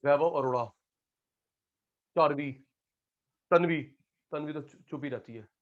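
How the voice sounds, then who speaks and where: High-voiced joking male teacher. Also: unhurried. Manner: calls students by name, joking, drills terms. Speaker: economics teacher. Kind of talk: online class lecture. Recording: dull lo-fi audio.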